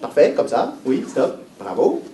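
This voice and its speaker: An actor with a Québécois accent playing a playful, boastful pirate who talks with the children in a live stage show. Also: male voice, medium pitch, huge pitch swings, a little slow. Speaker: children's entertainer. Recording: echoey hall, mic far off, background noise.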